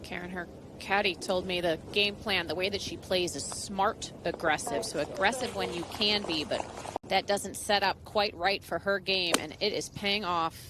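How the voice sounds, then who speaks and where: A woman's voice: lowish voice, moderate pace, noisy background. A woman working as a golf commentator, adding short, punchy analysis to live tournament coverage.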